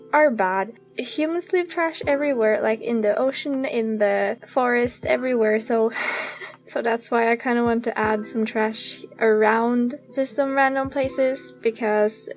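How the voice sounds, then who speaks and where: A young woman in her twenties talks casually to her viewers as she builds in a game, with a fairly high voice. She giggles often and pokes fun at herself. Soft music plays quietly under her voice. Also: measured pace. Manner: giggly, chatty and self-deprecating, laughs often. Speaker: gaming YouTuber. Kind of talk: casual voice-over chat during a speed build.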